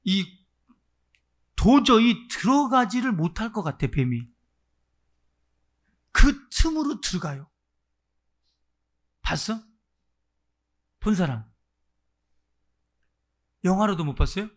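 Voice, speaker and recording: A man preaching a Sunday sermon as pastor, swinging between loud exclamations and near-murmurs and putting direct questions to the congregation. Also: high voice, big pitch swings, slow pace, long pauses. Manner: acts out voices of those he quotes. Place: church service.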